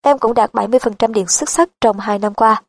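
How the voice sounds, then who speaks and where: A woman's voice: on the high side, quick pace, no echo. A woman voicing nervous young job applicants earnestly listing their goals and grades.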